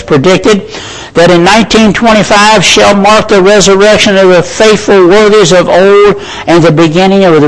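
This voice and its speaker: A man delivers a sermon in a high voice. He speaks to his listeners as brethren and friends. He reads out scripture and quotations at a steady, measured pace. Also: poor audio. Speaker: preacher.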